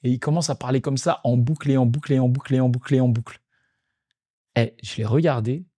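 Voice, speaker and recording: A man's voice: medium pitch, fairly even intonation, fast, warm tone, husky. A man hosting a podcast, telling stories of fatherhood in a reflective, casual way, repeating phrases for emphasis. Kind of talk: casual storytelling monologue.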